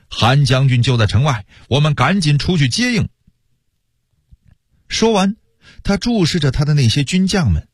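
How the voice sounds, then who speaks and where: Male radio storyteller, husky voice, dry close sound, chatty asides. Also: mid-range voice, dry recording. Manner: lively, colloquial storyteller with asides.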